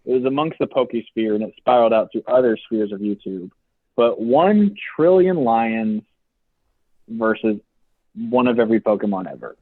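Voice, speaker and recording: A man's voice: medium pitch, moderate pace, no room sound. A young man telling a work story on a casual podcast, acting out what people said. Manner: animated storyteller, acts out quotes. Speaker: podcast co-host. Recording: tinny phone-like dry sound.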